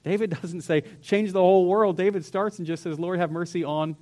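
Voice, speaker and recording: A man's voice: sits high, steady tone, fairly quick, mellow. A pastor preaching an earnest sermon in a church, his voice rising and falling for emphasis. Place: church sanctuary.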